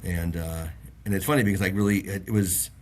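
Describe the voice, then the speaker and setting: This guest, a middle-aged man from the Bahamas who works in the auto industry, has a low-pitched voice with fairly even intonation and talks fairly quickly; there's a little hiss or hum in the audio. Chatting casually on an interview show, he tells long, rambling stories packed with fillers and restarts.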